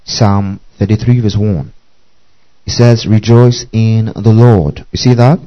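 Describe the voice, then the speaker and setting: A man's voice: lowish voice, steady tone, slow pace. Man teaching a sermon, lo-fi sound. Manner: repeats checks like "okay?" and "do you see that?". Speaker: preacher. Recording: muffled lo-fi recording.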